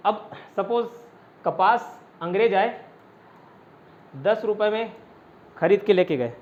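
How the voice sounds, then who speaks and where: A man with a fairly high voice leads an online exam-prep class. He explains step by step and answers his own questions as he goes. The sound is dull and lo-fi. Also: expressive, slow. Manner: often adds "ठीक है" to check understanding. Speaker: teacher.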